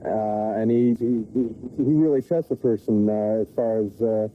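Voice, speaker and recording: Halting deckhand on tinny old tape. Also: male voice, fairly low pitch, steady tone. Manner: halting, with many restarts. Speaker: engineer and deckhand. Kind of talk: interview. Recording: tinny VHS recording outdoors.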